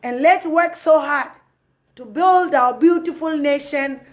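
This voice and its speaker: A woman's voice: high-pitched, unhurried. A woman from Sudan, giving passionate, preachy commentary on a live phone video and repeating her points. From South Sudan. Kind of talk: impassioned live-stream commentary.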